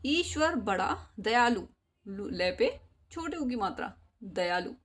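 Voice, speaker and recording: A woman teacher who sings a poem, then explains spelling slowly, repeating each word syllable by syllable. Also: mid-range voice, big pitch swings. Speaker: school teacher.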